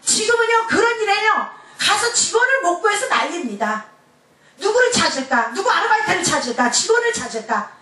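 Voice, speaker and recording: Woman pastor, high lively voice, preaching, echoey church hall heard from a distance. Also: brisk. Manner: animated preaching, dropping to a soft hush for quoted lines. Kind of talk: Sunday sermon. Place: church sanctuary.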